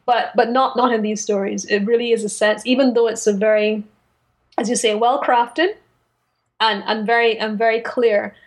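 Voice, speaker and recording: A woman's voice: on the high side, steady tone. A woman co-hosting a literary discussion, articulate and careful in choosing her words. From Caribbean. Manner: articulate, deliberate, careful with word choice. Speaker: podcast co-host. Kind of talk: literary discussion, casual chat.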